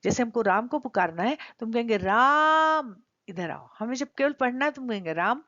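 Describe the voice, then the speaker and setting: A woman's voice: on the high side, animated, fast, no room sound. A middle-aged woman teaching Sanskrit grammar in a video lesson, explaining step by step and drawing out vowel sounds to show their length. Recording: dry, slightly dull lo-fi sound.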